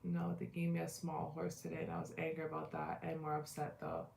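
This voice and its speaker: A woman's voice: sits low, monotone, fairly quick, vocal fry, darkish tone, roomy sound. A woman in her twenties hosting a casual livestream, chatty and rambling, greeting viewers by name. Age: 20s. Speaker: livestream host. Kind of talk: casual live chat with viewers.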